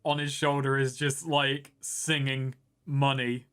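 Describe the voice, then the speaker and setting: A man chatting at a tabletop game, with animated giggly asides. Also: medium pitch, takes it slowly, a little hiss or hum. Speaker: player. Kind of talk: casual tabletop chat.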